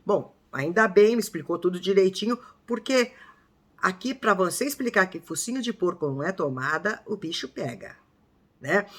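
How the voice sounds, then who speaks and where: A woman's voice: fairly low pitch, bright, forceful tone. An older woman from Brazil talking casually to her viewers, acting out quoted speech with emphasis. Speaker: vlogger.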